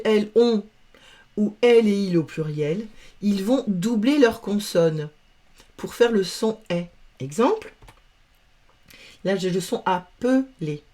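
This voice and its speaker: A woman's voice: mid-range voice, mellow. A woman teaching verb conjugation in a patient, careful lesson, spelling out letters and sounds one by one. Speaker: French grammar teacher. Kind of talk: slow, careful grammar lesson.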